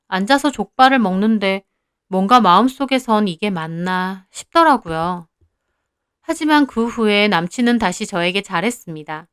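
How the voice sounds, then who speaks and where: A woman's voice: medium pitch, expressive, moderate pace, fairly bright tone, clean tone, dry recording, clean studio sound. A young woman narrating a first-person story in a confiding, conversational way.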